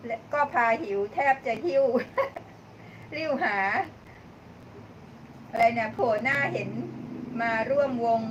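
A woman hosting a live-stream cooking show, chatting casually with viewers as she cooks, thanking them by name and laughing often. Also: a little high. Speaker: livestream cooking host. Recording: distant mic with clear background noise.

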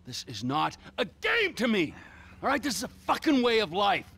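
Game cutscene: volatile middle-aged crook, high gravelly voice, wildly swinging, profane and screaming. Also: male voice, huge pitch swings, moderate pace, bright, forceful tone, full character voice. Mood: furious. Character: volatile, unhinged middle-aged male criminal, explosive temper. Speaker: career criminal. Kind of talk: video game cutscene acting.

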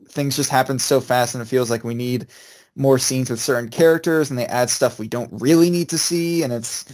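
A man in casual chat as co-host, talking in a halting way with frequent restarts. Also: mid-range voice, a little mellow.

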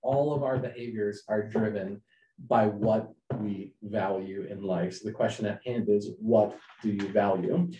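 A man presenting a leadership webinar as its host, lively and earnest, often acting out quotes in a raised voice. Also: mid-range voice, echoey room, far from the mic, low-quality recording. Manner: animated, acts out quotes in raised voice. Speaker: webinar presenter, company founder.

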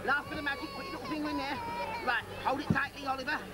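A man's voice: very high voice, steady tone, fast. A middle-aged man doing kids party magician patter, theatrical and teasing, repeating commands to the children. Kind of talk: live kids' magic show patter. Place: outdoors on a lawn, garden party. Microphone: camcorder a few metres away. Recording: noisy outdoor camcorder, children's crowd around. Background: children's crowd, outdoor noise.

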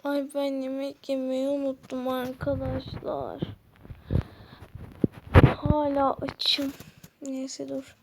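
High, gravelly woman chatting through a game. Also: monotone, slow, pauses often, background noise. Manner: chatty, keeps addressing her viewers. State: groggy, just woken up. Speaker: gameplay vlogger. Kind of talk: casual game narration to viewers.

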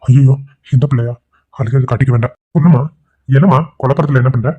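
A man's voice: medium pitch, fairly even intonation, a little fast, warm tone, slightly rough, natural voice. A man voicing a remorseful, self-pitying middle-aged man who drinks, pleading and lamenting in a cartoon drama. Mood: sorrowful. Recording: tinny phone-like sound.

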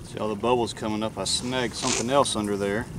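A man's voice: lowish voice, fairly even intonation, quick pace. A middle-aged man giving casual running commentary while magnet fishing on a lake dock, thinking aloud in a matter-of-fact way as he works. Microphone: camera mic, filmed from a few feet away. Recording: distant camera mic, loud wind and water noise.

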